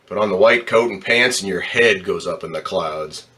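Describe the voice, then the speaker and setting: Playing the cynical, streetwise ambulance driver of an old-time radio drama, the man delivers gruff, slangy wisecracks in a lowish, forceful voice. This time the mood is brash and urgent, at a moderate pace.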